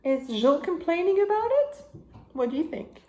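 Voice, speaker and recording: Animated, high-pitched woman reading to a toddler. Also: noisy background. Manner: reading to a toddler: slow, animated, sing-song, repeating lines and asking questions. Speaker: children's storybook reader and language teacher. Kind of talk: reading a bilingual picture book aloud to a young child. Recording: echoey room.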